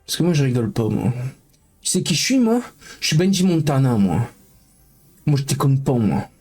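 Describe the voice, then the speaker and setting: A man live streaming, chatting casually with his viewers, joking in mock indignation and sometimes turning low and downbeat. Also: very animated, normal speed, a little mellow, slightly rough, soft background music. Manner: talkative, jokey mock-indignation, mumbling and downbeat at times.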